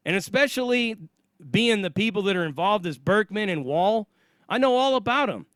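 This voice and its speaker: A man's voice: high voice, a bit bright, no echo, clean studio sound. A middle-aged American man giving an opinionated casual monologue in a blunt, emphatic, swearing manner. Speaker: online commentator.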